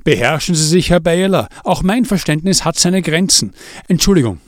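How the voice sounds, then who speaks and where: A man reading an audiobook, voicing a female village police officer who speaks in a measured, patient and firm way. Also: fairly high pitch, animated, no room sound, clean studio sound, pitched above the performer's own voice, close to an everyday voice.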